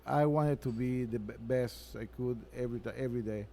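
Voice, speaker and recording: A man with a mellow, relaxed voice at a medium pitch, answering interview questions about himself. He talks earnestly, stops and restarts his sentences often, and is recorded inside a restaurant. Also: vocal fry, slight background noise. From Venezuela. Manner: earnest, halting, with frequent restarts. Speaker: chef and restaurant owner, guest.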